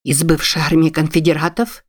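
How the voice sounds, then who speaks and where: A woman voicing a stout middle-aged woman, curt and wary, who turns shrill when alarmed. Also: level tone, fairly quick, no echo, clean studio sound. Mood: stern.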